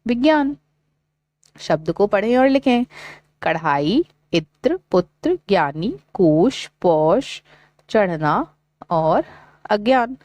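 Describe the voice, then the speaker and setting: A woman's voice: fairly low pitch, darkish tone, dry recording. Woman teacher reading a children's workbook. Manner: slow, clear syllable-by-syllable reading for children. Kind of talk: reading a workbook lesson aloud.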